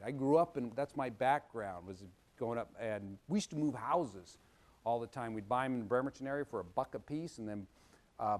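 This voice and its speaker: A middle-aged man, an attorney, giving a legal lesson in a folksy, animated way, sprinkled with personal stories and acted-out dialogue. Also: mid-range voice. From Washington State, US. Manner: folksy, animated storytelling, acting out quoted dialogue. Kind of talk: explanatory legal talk with anecdotes.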